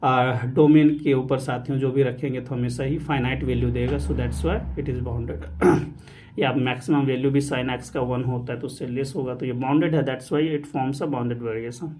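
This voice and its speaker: Male math teacher lecturing online, keeps asking the class questions then answering, mellow tone. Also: medium pitch, steady tone, a little slow, slight background noise. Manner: repeatedly addresses students as "saathiyon", mixing English math terms; asks rhetorical questions then answers them. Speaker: maths teacher. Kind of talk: online exam-prep lecture.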